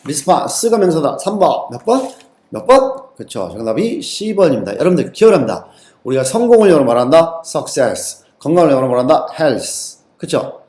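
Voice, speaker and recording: A man's voice: a little high, sing-song, moderate pace, a little mellow, echoey room. A man teaching an exam-prep lesson, constantly quizzing his students and repeating the answers back to them. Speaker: TOEIC English teacher. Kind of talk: lecture-style exam lesson.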